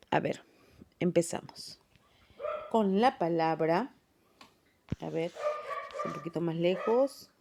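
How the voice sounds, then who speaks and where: A woman's voice: mid-range voice, noisy background. A woman teaching a grammar lesson, explaining patiently step by step and checking in with short tag questions. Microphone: phone voice recorder.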